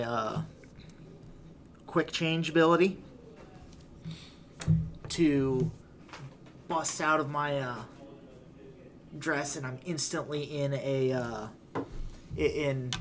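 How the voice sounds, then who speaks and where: A player in a tabletop game, talking hesitantly with many pauses and filler words. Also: medium pitch, noisy background.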